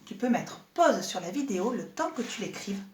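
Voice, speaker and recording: A woman teaching young children in a lesson video, talking slowly and articulating each sound clearly, with an encouraging manner. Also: medium pitch, big pitch swings.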